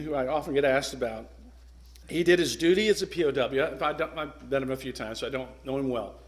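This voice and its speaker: Earnest and forceful, a middle-aged man speaks as a guest at a club in a mid-range voice, pausing for impact and sometimes going back to restart a sentence.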